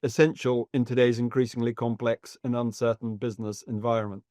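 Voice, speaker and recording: Measured male podcast host, dry sound. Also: mid-range voice, a little mellow, dry recording. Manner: measured, thoughtful questioning. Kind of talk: podcast interview.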